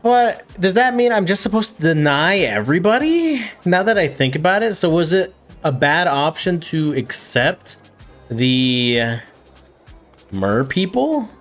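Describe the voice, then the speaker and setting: A man's voice: high-pitched, big pitch swings, unhurried, a bit bright, soft background music. A man hosting a gaming video, thinking aloud in casual, wry let's-play commentary.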